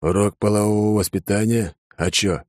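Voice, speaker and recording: A man's voice: lowish voice, steady tone, moderate pace, darkish tone, dry recording, clean studio sound, lightly acted. A man voicing a brash, crude young ninja soldier in an audiobook, grumbling and cocky. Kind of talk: audiobook character voice.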